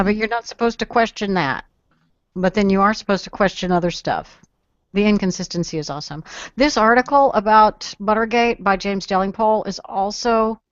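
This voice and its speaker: A woman's voice: mid-range voice, no room sound. Chatty, giggly female co-host. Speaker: podcast co-host. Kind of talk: casual political podcast chat. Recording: dry, dull lo-fi sound.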